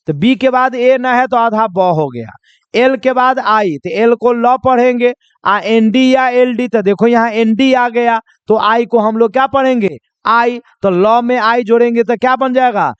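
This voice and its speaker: A very high-pitched male teacher leads his class through pronunciation drills, asking each question aloud and then answering it himself. His voice is smooth and clear. The recording is dry and a little dull. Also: unhurried, no room sound. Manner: repeats questions and answers them himself, coaxing; addresses students as children. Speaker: English teacher. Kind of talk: spoken English lesson.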